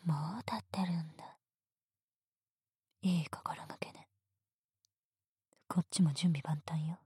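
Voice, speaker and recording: Woman doing a bossy teacher lady, whispery and breathy, kinda mellow and dry close up. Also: low voice, steady tone, slow, no echo, full character voice. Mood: teasing whisper. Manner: soft whispered teasing, bossy. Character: teasing, domineering adult female teacher. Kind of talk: erotic ASMR roleplay.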